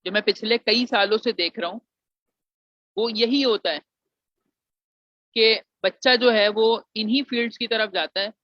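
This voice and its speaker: A man from Pakistan, an engineering alumnus, gives admission advice in an informal explanatory lecture. His high-pitched voice is unhurried with long pauses, and the sound is dry and muffled with no room sound. He mixes English phrases into his Urdu and calls the students "beta".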